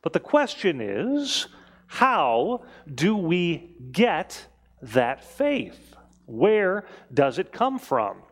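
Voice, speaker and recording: A man's voice: on the high side, wildly swooping pitch, drawn-out words. A man speaking as a pastor in a conversational preaching style, in a reverberant church. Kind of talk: conversational sermon and church leading. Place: large indoor church space. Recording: reverberant hall.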